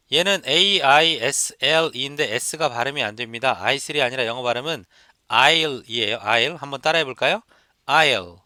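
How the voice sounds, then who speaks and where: A man's voice: on the high side, sharp tone, clear, resonant tone, no echo, clean studio sound. A man teaching an exam listening lesson, explaining step by step and repeating examples for students to copy. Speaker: English test instructor. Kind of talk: lecture.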